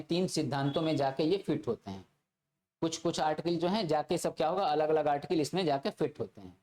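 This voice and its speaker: A male polity teacher lectures a classroom of exam students, repeating key phrases and checking in with them again and again. His voice is a little high with a darkish tone.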